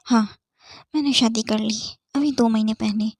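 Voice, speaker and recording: A woman voicing a calm, curt young man in an audiobook story, answering briefly and coolly. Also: a little high, normal speed, no echo, studio quality. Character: calm terse young man, cool husband.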